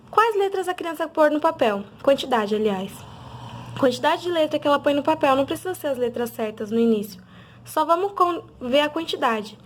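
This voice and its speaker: A woman, a literacy teacher, patiently sounding out letters slowly and clearly in an instructional video for parents. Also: high-pitched, slight background noise.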